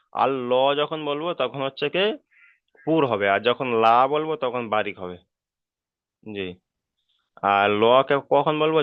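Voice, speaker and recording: A man's voice: medium pitch, clean tone, dry recording. A man teaching Quran reading in an online lesson, explaining rules patiently and over again, and drawing out the chanted example words. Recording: dry, phone-like call audio.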